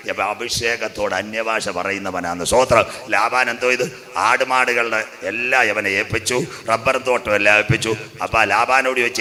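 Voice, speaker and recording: A man preaching a sermon in a lowish but bright, forceful voice. He tells the story with humour and then rises into loud preaching. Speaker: pastor.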